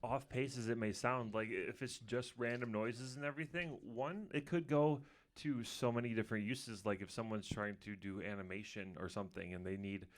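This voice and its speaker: A man's voice: lowish voice, steady tone, normal speed. A man co-hosting a casual chat, laid-back and hesitant, with many "uh" fillers. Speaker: co-host reading chat questions.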